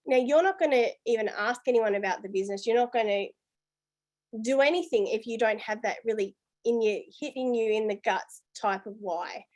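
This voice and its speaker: A woman's voice: a little high, normal speed, darkish tone. A woman leading her business team, giving a chatty, upbeat motivational talk full of "you know" and "guys". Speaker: business team leader and coach.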